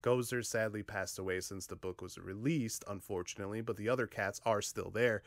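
A man's voice: fairly low pitch, a little fast, no echo. A man in his thirties reacting to a news story in a home vlog, chatty, with frequent "uh" fillers, speaking into a studio microphone in a small room. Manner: chatty, frequent "uh" fillers, animated hand gestures. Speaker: vlogger. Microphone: studio condenser mic on a stand in front of him.

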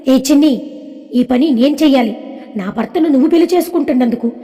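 A woman's voice: high-pitched, a little fast, mellow, in a large hall, close to an everyday voice. A woman voicing a distraught young wife who pleads and protests in a storybook reading. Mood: sharp. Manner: pleading, indignant.

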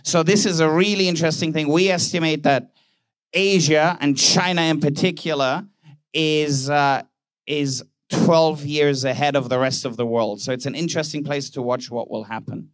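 A man's voice: on the high side, fairly even intonation, moderate pace, dry recording. A man giving a conference keynote speech, telling anecdotes and briefly playing out little dialogues in different voices. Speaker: conference speaker, banker. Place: conference hall.

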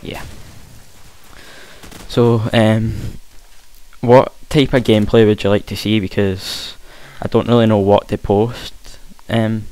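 A young man with a broad Scottish accent gives casual, hesitant gameplay commentary, trying to speak clearly, on a hissy home recording. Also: fairly low pitch, flat delivery, takes it slowly, warm tone, poor audio. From Scotland. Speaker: gaming commentator. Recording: hissy home mic with faint noise. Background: game gunfire.

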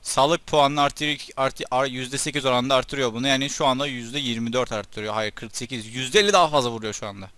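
A young man giving casual commentary over his gameplay, chatting to his troops and breaking into loud excited shouts during fights. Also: mid-range voice, brisk, hardly any pauses, clean tone. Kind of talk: let's play commentary.

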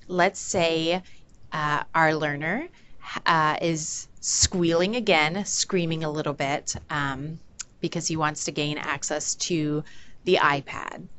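A woman with a somewhat low voice gives a lecture on child behavior. She explains patiently and playfully acts out what children say. A faint hum of noise sits behind her. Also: a bit bright. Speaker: behavior analyst presenter. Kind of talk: conference talk.

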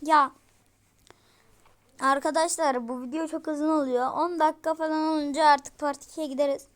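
A woman giving casual let's-play commentary to her viewers, easily frustrated and breaking into loud exclamations. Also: sits high, fairly even intonation, normal speed. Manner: talks straight to her viewers. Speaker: gaming streamer.

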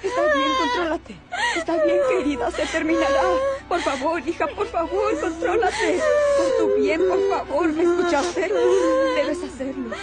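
An older soap-opera woman who pleads and commands in a high, urgent voice. She speaks slowly and deliberately, with dramatic music swelling behind her. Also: animated. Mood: pleading. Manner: urgent and pleading, giving orders. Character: tense older woman urging a young woman on. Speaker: dubbing actress in a soap opera. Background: dramatic background music.

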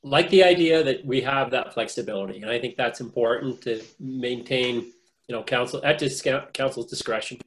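A man on a council video call, giving his view in a measured way with hesitant restarts. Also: medium pitch. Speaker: council member. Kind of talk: meeting discussion.

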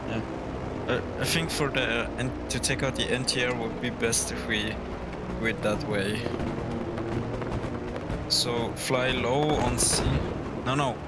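A man from Switzerland, talking casually with a teammate while playing and giving halting tactical calls. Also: medium pitch, fairly even intonation, loud music behind the voice. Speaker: gamer. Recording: loud game noise behind voice chat.

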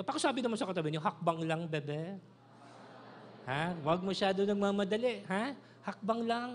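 A middle-aged male pastor from the Philippines, preaching an animated sermon in a mix of Tagalog and English. He calls out for amens and drops to a soft, low voice on key phrases. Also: slight background noise.

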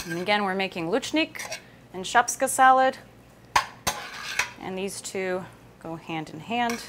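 A woman in her thirties hosts a casual live cooking demo, chatting her way through each step in a medium-pitched, expressive voice at a measured pace. She stands at a wooden worktop on an indoor kitchen set, and the recording carries noisy room sound and kitchen ambience.

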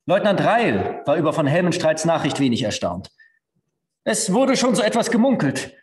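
A man, a stage actor, reading a story aloud with expressive storytelling at a live reading. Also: on the high side, moderate pace. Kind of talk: literary reading at a live event. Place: theatre stage. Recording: echoey hall.

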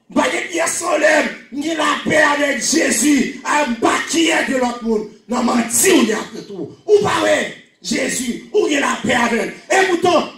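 A high-pitched middle-aged man with a Haitian Creole accent preaches in a small church, often shouting and repeating phrases for emphasis. His handheld microphone is picked up from a distance, so the voice sits back in the room. The church space adds a noticeable echo. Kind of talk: sermon. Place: small church hall with pulpit.

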